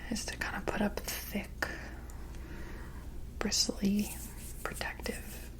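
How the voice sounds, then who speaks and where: A woman in a whispered role-play as an ASMR energy healer, with an airy, breathy whisper and a gentle, soothing, mystical manner. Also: mid-range voice, completely flat delivery, slow pace, poor audio.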